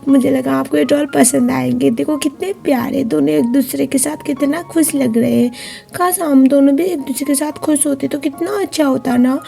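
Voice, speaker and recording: A woman voicing a young amnesiac woman who pleads softly and is close to tears. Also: sits high, normal speed, gravelly, soft background music. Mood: pleading.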